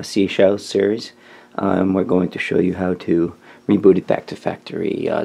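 This tutorial host's voice is low-pitched and dark-toned, with noticeable vocal fry. He runs through the steps casually, in a relaxed how-to manner.

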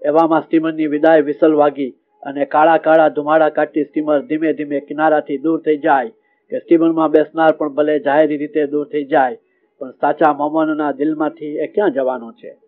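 A man's voice: fairly high pitch, little pitch movement, a little fast. Man narrating a devotional story. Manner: emotive, recites verses and prayers. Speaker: religious storyteller. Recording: narrow phone-like audio.

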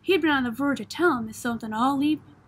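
A woman narrating a novel in a steady, unhurried way, as in an audiobook. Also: high-pitched.

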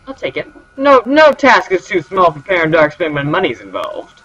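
A man's voice: high voice, very animated, moderate pace, bright, forceful tone, breathy edge. A man commentating his gameplay, sarcastic and joking as he talks to the characters. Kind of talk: let's play commentary. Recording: slightly dull with game music.

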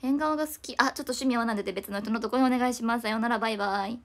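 A young woman, chatting fast and casually on a livestream, reading viewer comments and often apologizing. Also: fairly high pitch.

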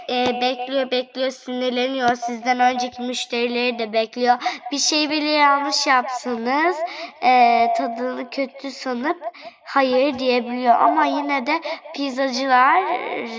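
Woman, high voice, chatty let's-play commentary, talks to viewers, playful. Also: rough recording. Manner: playful, fretting over angry customers. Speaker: gaming channel host.

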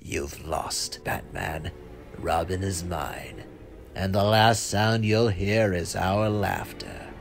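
A man voicing a gleefully cruel clown supervillain in a cartoon fan dub, theatrical and mocking, drawing out his taunts from hushed menace to shrill glee. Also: big pitch swings, slow, vocal fry, heavily acted. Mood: gloating menace. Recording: roomy echo with music behind.

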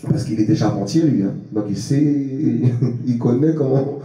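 A man preaching a lively sermon at a conference, often laughing, calling out hallelujah and speaking straight to his listeners. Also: medium pitch, normal speed. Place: conference hall. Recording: roomy sound from a distant mic.

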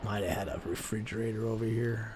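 A man casually narrating as he walks through an abandoned desert building at night, with a camera strapped to his chest, rambling slowly and correcting himself as he goes. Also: on the low side, steady tone, a little mellow, slight background noise. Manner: slow, rambling, self-correcting. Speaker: urban explorer vlogger. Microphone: chest-mounted camera.

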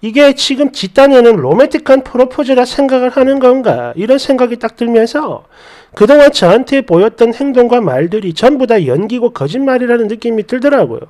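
A man reads a first-person story and its comments aloud with an exasperated edge. His voice sits high for a man and swings widely in pitch, keeping the retelling animated. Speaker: story narrator.

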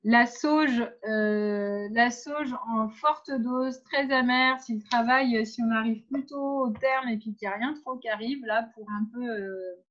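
A woman with a fairly high voice leads an informal workshop, talking her listeners through practical tips in a direct, hesitant way. The sound is dull and lo-fi. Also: unhurried, fairly bright tone. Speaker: workshop leader on pregnancy and birth.

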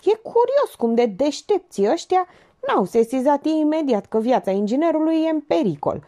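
Ironic confident older sleuth lady, voiced by a woman, lively, mellow tone. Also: high voice, voice pushed up.

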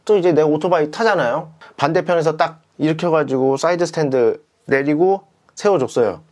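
Male delivery rider, casual vlog storyteller, slightly high voice, animated and rambling. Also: a little fast. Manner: animated retelling, acts out his own shouted words; many fillers and repeated "이렇게".

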